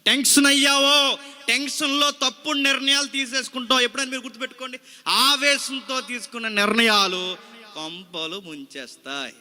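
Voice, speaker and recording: A man's voice: very high-pitched, steady tone, normal speed, bright, forceful tone, long reverb tail. A male pastor preaching a sermon, dramatic and full of rhetorical questions to the congregation. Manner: repeats scripture phrase by phrase after a reader.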